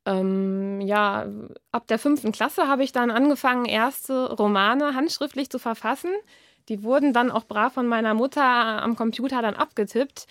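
A woman with a fairly high voice reads her novel aloud with expression. In the chat she answers with hesitant fillers. Her voice is recorded close and dry in a quiet studio. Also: normal speed, dry recording. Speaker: author. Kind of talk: radio interview and reading.

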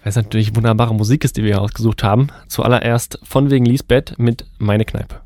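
This student radio podcast co-host, a young man with a cold, sounds on the low side, level and darkish, talking fairly quickly. The recording is dry. His casual chat is loose and rambling, peppered with fillers and restarts.

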